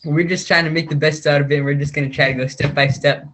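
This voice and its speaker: A man on a college team, answering interview questions in a halting way as he searches for words. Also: fairly high pitch, level tone, fairly bright tone.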